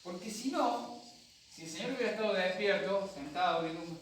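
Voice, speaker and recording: A man's voice: high voice, a little fast, slight background noise. A male pastor with an Argentine accent, preaching a sermon in a storytelling way and acting out voices for his congregation. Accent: Argentine Spanish. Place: church hall. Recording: echoey hall from a distant mic.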